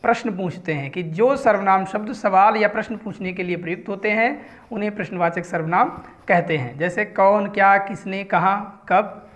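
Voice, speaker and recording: A woman teaches a grammar lesson in a calm classroom manner. She explains each point step by step and stops often to ask her students questions. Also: mid-range voice, moderate pace, dull audio. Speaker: Hindi teacher.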